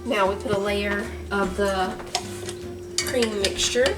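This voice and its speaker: A woman with a homey Southern US accent talks her way through her garden and kitchen in a relaxed vlog. She is chatty and laughs easily, with a mid-pitched voice. Clear background music plays under her. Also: slow pace. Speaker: home cook and gardener, channel host. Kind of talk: casual garden and cooking vlog.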